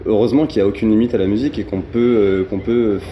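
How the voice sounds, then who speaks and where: A man from the Paris region with a Parisian French accent speaks in a soft, dark, fairly low voice. He talks like a singer in a relaxed interview, informally and with halting repetitions. A light noise sits behind him. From Paris region, France. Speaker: pop singer being interviewed. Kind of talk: casual interview chat.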